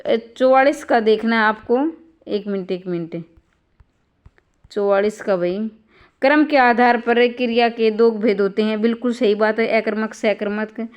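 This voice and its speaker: A woman's voice: on the high side, a little slow, clean tone. A woman tutor explaining exam answers one by one, often adding "bhai" and "theek hai" as she checks each option.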